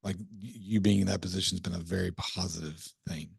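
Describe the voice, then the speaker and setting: A man hosting a podcast in casual interview conversation, reflective and halting, often restarting his sentences. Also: low voice, fairly even intonation, creaky, slightly rough, no room sound, studio quality. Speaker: podcast host.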